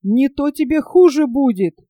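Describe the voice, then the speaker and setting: A woman voicing a gruff, strong old man who growls hoarsely and shouts threats. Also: sits high, animated, moderate pace, no room sound. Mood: yelling.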